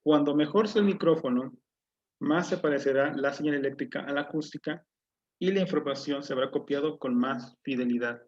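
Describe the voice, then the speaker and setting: A man's voice: mid-range voice, darkish tone. A man teaching an online class, explaining step by step and putting questions to his students. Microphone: low-quality computer mic. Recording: dull lo-fi mic audio.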